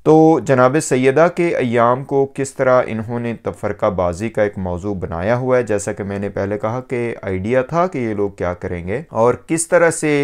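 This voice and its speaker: Low-voiced man giving religious commentary. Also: smooth. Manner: measured, with frequent hesitation fillers.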